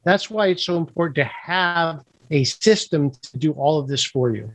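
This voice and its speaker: A man's voice: on the high side, lively intonation, normal speed, no echo. A man who is a guest on a podcast, explaining his work with confident, upbeat salesmanship. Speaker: guest, software founder. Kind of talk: interview explanation.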